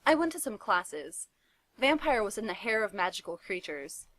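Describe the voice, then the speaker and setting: A woman giving a dramatic reading of fanfiction with a deadpan, mock-dramatic delivery. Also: mid-range voice, moderate pace. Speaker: reader.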